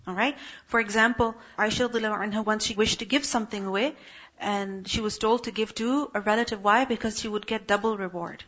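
A woman's voice: medium pitch, steady tone, fairly quick, fairly bright tone, husky, lo-fi sound. A woman teaching a Quran lesson to a class, asking questions and answering them herself.

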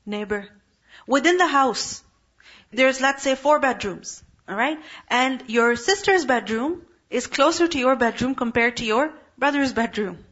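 A woman with a high voice teaches a Quran lesson to a class. She keeps asking her students questions and then answers them herself. The recording sounds dull and lo-fi. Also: expressive, unhurried, fairly bright tone.

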